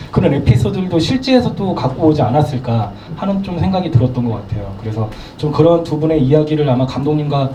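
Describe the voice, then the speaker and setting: Fast-talking man in a roomy theater. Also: on the high side, noisy background. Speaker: moderator of a screening Q&A. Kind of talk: hedging, roundabout questions. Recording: distant mic in a roomy theater.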